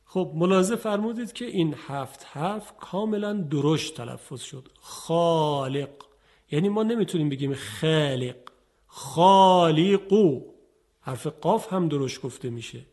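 A man with a fairly high voice teaches Quranic pronunciation. He speaks in a polite, formal way to his viewers. He slows right down to stretch out each letter he demonstrates. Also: lively intonation, a little mellow. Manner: slow, drawn-out demonstration of letters.

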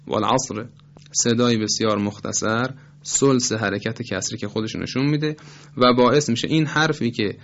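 A man teaching Quran recitation rules in a formal lecture, explaining in a measured, polite way and slowing down to demonstrate words. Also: medium pitch, lo-fi sound, a little hiss or hum.

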